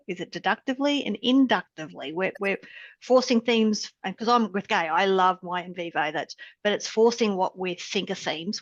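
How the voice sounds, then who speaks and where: A woman's voice: mid-range voice, dry recording. A woman reasoning aloud tentatively in an informal academic discussion, on a dull lo-fi recording.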